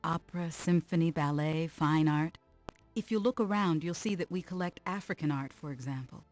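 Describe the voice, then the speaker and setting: A woman's voice: sits low, moderate pace, a little mellow, close to an everyday voice. An actress playing a guarded, elegant wealthy woman in an adventure game, poised, cool and formal. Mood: composed. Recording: dry game audio with music. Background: game music.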